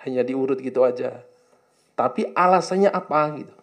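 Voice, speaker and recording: A man's voice: mid-range voice, normal speed. A man teaching a classroom lesson on an Arabic religious text, translating it line by line and coaxing his students to answer his questions. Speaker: Islamic teacher.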